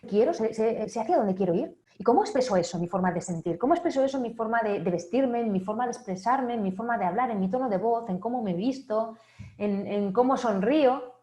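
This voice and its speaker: Animated and warm-toned, with a voice on the high side, a woman speaks at an online wellness congress. Her motivational talk runs through a string of rhetorical questions, often closing with a checking "right?" or "¿vale?", in an echoey room.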